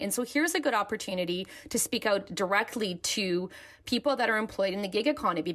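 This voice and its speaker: A woman's voice: medium pitch, fairly bright tone. A woman co-hosting a podcast in a conversational way, recorded in a makeshift bedroom booth with a towel hung to dampen the sound. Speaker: podcast co-host, personal finance editor.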